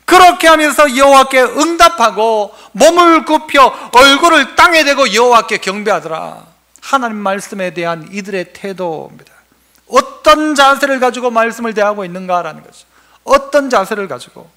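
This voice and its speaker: A man's voice: very high-pitched, animated, normal speed, bright, forceful tone. A male pastor preaching a sermon, asking the congregation questions and answering them himself.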